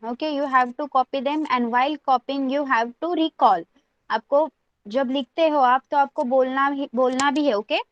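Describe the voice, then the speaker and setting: A woman's voice: high-pitched, dry recording, lo-fi sound. A woman teaching an online language class, repeating each number and spelling it out letter by letter, switching between English, Hindi and Marathi. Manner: mixes English, Hindi and Marathi when explaining.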